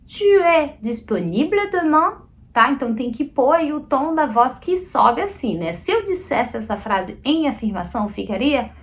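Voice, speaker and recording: A woman from Brazil giving a casual video lesson on French, chatty, with frequent tag questions and slowly modelled French phrases. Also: on the high side, fairly bright tone. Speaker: French teacher.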